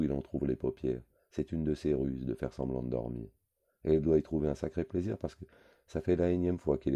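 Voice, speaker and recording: A man narrates a novel in the first person with an extremely low, dark voice. His reading is wry and conversational, like telling a story across a table. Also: muffled recording. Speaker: audiobook reader.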